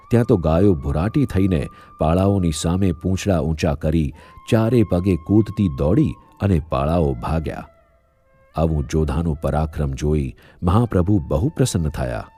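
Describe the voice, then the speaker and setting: A man narrating a devotional story in steady storytelling style, briefly voicing the quoted speech. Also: a bass voice, moderate pace, slightly rough, faint music behind.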